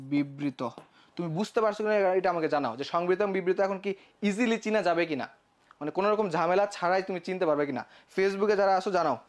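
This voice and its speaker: High-voiced young man teaching a live class. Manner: explains step by step with rhetorical questions; acts out student questions himself. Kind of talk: live online class lecture.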